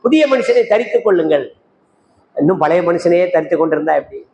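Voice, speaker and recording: A man's voice: high voice, lively intonation, quick pace, mellow, highs cut off. An older man preaching a sermon as an evangelist, firing rhetorical questions at the congregation and calling out to listeners by name. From Tamil Nadu, India. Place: church meeting hall. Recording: echoey hall with faint noise.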